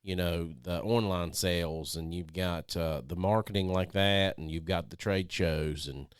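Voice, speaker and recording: A man's voice: deep voice, steady tone, measured pace, smooth, no room sound, clean studio sound. A man interviewing in a casual chat, with a folksy, colloquial and agreeable way of talking.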